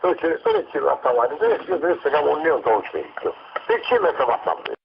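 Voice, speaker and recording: Sicilian guy on the phone, gruff and blunt, kinda muffled line with a little hiss in the back. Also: a little high, huge pitch swings, moderate pace. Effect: heard over a telephone line.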